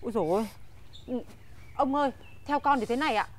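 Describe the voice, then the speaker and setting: A woman's voice: high-pitched, fast, no echo. A woman playing a fussy village maid who answers politely and eagerly. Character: fawning young village maid, eager to please. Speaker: household maid. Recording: background music under dialogue.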